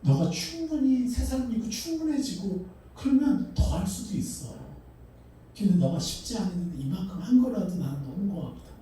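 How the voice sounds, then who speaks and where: A preacher acting out a kind, reassuring God in a sermon; mellow tone, far from the mic. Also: male voice, high voice, expressive, normal speed, pitched above the performer's own voice. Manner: gentle, soothing. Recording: echoey hall, mic far off.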